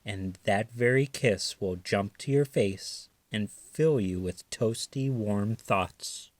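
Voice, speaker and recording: A man voicing a gentle, reassuring mother raccoon in a tender, soothing manner for a children's storybook. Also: on the low side, takes it slowly, dry recording.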